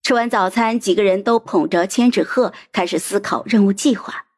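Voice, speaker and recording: A woman's voice: mid-range voice, moderate pace, a little mellow. A woman narrating a novel as an audiobook, telling the story expressively.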